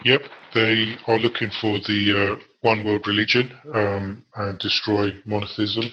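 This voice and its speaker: A man from England answering interview questions in a measured way, often pausing on fillers. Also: fairly low pitch, level tone. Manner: measured, hesitant with frequent fillers. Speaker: guest researcher. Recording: dull lo-fi audio.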